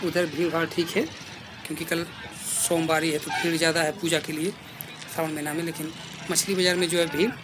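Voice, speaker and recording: A man's voice: on the high side, level tone. Man vlogging through a street market. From India. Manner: plain, unhurried tour-guide commentary, pointing things out. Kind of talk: casual walking vlog narration. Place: outdoor street fish market. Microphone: phone held at arm's length. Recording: outdoor street noise and traffic.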